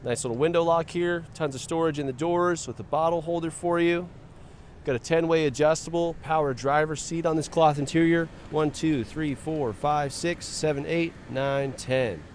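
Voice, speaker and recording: A man with a slightly high voice speaks at a normal pace over light background noise. For a dealership, he casually walks around a car outdoors and then climbs inside, chatting and making offhand remarks to himself.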